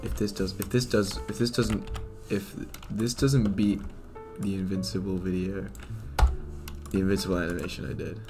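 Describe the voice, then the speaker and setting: A man's voice: deep voice, level tone, normal speed, over music. A man animating at his computer, talking to himself in a rambling, fretful way with many restarts. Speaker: animator and video creator. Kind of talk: casual self-talk while working.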